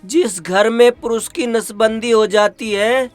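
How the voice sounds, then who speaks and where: An actor playing a calm male friend who patiently explains things in a comedy film. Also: high-pitched, slow, faint music behind.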